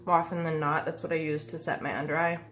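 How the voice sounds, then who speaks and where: A beauty vlogger in her thirties chats through a makeup tutorial in her bedroom by a window, her voice nasal and stuffy from a cold. She speaks fast in a low, level, slightly bright tone, with lots of ums and uhs, while faint music and a weed eater can be heard in the background.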